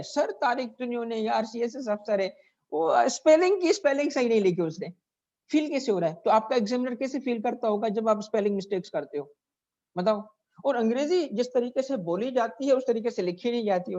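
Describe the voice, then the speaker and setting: A man's voice: high voice, darkish tone. Man lecturing students, dull recording. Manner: keeps checking in with students and asks them questions. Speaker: teacher. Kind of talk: classroom lecture.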